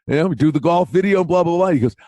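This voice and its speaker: A man's voice: fairly high pitch, expressive, quick pace, a little mellow. A man co-hosting a golf betting show, telling a story in casual chat, stammering and restarting, acting out the people he quotes.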